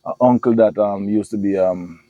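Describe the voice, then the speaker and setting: A middle-aged man, a football coach, chatting in an interview in a relaxed, hesitant way with many pauses. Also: on the low side, no room sound, phone-quality sound. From Jamaica. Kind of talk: casual interview chat.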